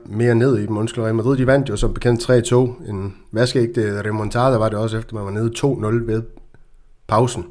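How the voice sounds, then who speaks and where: A man's voice: mid-range voice, a little mellow. A man hosting a casual football podcast, chatty and hesitant, with frequent fillers. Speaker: podcast host.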